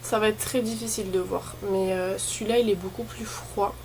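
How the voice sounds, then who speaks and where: A woman's voice: mid-range voice, steady tone, moderate pace. Casual, rambling woman vlogger with noisy background. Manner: informal, rambling, thinking aloud. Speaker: beauty vlogger. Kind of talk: casual chat while opening advent calendars. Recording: clearly noisy, ambient background noise.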